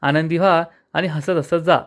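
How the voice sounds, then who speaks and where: A man reading the lines of a cheeky young husband who talks in a playful, persuasive way, at times quickly. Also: on the high side, steady tone, a bit bright, close to an everyday voice.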